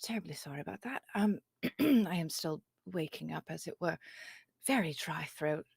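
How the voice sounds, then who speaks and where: A woman voices an injured woman hiker in a tabletop game, in a low register. She speaks haltingly and evasively, with polite apology, as if unsure of her own memory. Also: expressive, vocal fry, a little mellow, husky, dry recording, clean studio sound, exaggerated voice. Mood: apologetic, groggy.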